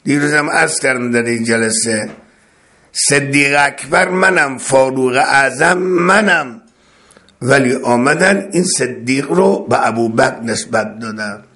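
A man's voice: medium pitch, fairly bright tone. Emphatic male preacher declaiming a sermon. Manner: emphatic and declamatory, repeating phrases for stress; recites Arabic phrases, then explains them. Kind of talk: religious sermon.

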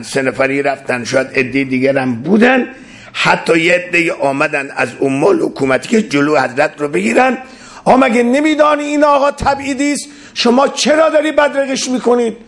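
A man preaching a sermon, reciting verse slowly and rising to loud, impassioned exclamations. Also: a little high.

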